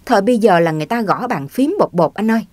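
A woman's voice: mid-range voice, lively intonation, fast talker, darkish tone, no echo, close to an everyday voice. A woman reading the part of a touchy, stubborn grown man from the countryside who grumbles defensively. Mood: grumbling.

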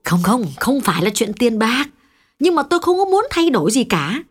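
A worried middle-aged shopkeeper read by a woman narrating a story, rambling on as she second-guesses herself. Her voice sits fairly high and moves a lot. She sounds fretful, never calm. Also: normal speed, breathy edge. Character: anxious middle-aged woman shop owner, chatty. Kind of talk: audiobook reading.

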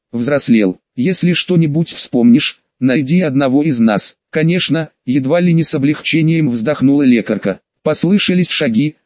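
A man narrating a fantasy audiobook in a measured, even reading, voicing the characters' lines with little change. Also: fairly high pitch, no room sound, muffled recording. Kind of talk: scripted narration.

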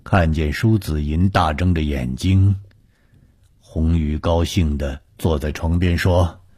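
A man narrating a scripted ghost story with a measured, suspenseful delivery. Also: extremely low pitch, dark tone, husky.

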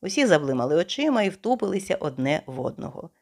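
Expressive woman audiobook narrator. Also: fairly low pitch, fast talker, vocal fry. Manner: expressive storytelling. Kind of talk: scripted literary narration.

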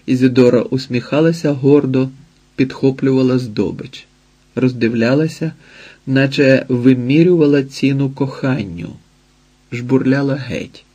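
A man narrating a novel as an audiobook in a measured, expressive reading. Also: medium pitch, gravelly, breathy edge.

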